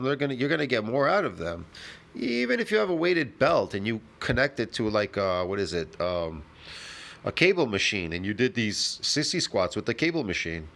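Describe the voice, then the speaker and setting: A man's voice: fairly low pitch, gravelly, a bit bright. A man giving blunt, casual commentary as he reacts to a clip, brash and argumentative, swearing freely.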